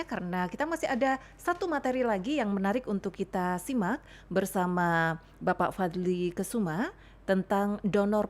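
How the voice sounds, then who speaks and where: An Indonesian woman moderating a webinar in a polite, formal hosting style. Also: mid-range voice.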